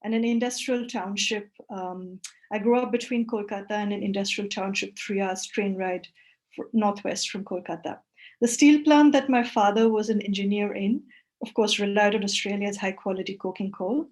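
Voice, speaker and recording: A woman's voice: medium pitch, normal speed, darkish tone. A woman in her forties who grew up in India gives a workshop talk over a video call. She speaks thoughtfully, with frequent fillers and self-corrections. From West Bengal, India. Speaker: workshop presenter.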